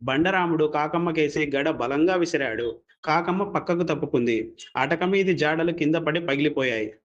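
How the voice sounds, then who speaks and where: A man telling a folk story as scripted narration, steady and plain. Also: on the high side, moderate pace, muffled recording.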